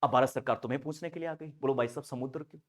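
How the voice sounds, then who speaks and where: A young man teaching nursing pharmacology in Hindi slang, joking and acting out little dialogues, often shouting. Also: mid-range voice, rapid-fire. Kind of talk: animated classroom lecture.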